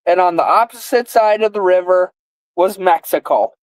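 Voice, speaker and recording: A woman's voice: on the low side, normal speed, no echo, low-quality recording. A woman in her twenties hosting a casual live guessing game, with slurred, lisping speech from a mouth guard. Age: 20s. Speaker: live stream host.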